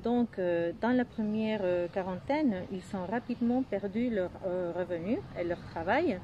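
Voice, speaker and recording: A woman with a Peruvian Spanish accent speaks French in a medium-pitched voice. She gives explanatory interview answers, hesitating as she searches for words. Clear background noise runs behind her. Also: normal speed, dull audio. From Peru. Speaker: anthropologist interviewee.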